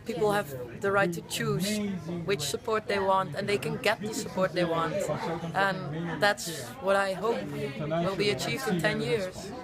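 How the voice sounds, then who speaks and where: Lively woman. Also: medium pitch, unhurried, over a noisy crowd. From Netherlands. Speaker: conference delegate. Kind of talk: interview answers. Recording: loud background music.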